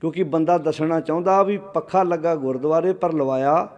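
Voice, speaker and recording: A man's voice: a little high, steady tone, brisk, darkish tone. A man giving a Sikh sermon, asking rhetorical questions and calling on the congregation to answer aloud. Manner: calls on the audience to answer aloud. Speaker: Sikh preacher.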